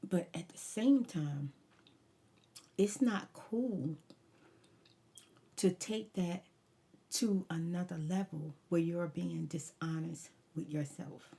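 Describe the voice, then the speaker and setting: A woman's voice: lowish voice, slow, gravelly, pauses often, warm tone, husky. A woman ASMR vlogger rambling through a casual story time, talking candidly and emphatically with slangy asides and advice.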